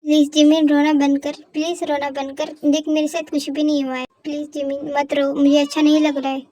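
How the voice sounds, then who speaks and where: A woman's voice: sits high, little pitch movement, fairly quick, mellow, close to an everyday voice. A young woman voicing a caring friend who apologizes and comforts a crying girl in a fan audio drama. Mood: worried. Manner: soothing, worried, apologetic.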